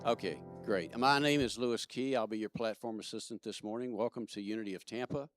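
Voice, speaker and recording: A man's voice: lowish voice, a little fast, soft background music. A man from Kentucky giving church announcements as platform assistant, chatty and joking with many fillers. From Kentucky, USA. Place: church service.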